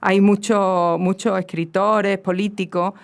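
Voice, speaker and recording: A woman's voice: medium pitch, flat delivery, slow, clean tone. A woman with a southern Spanish accent, a guest linguist explaining in a radio conversation, lecturing with many restarts and tag questions.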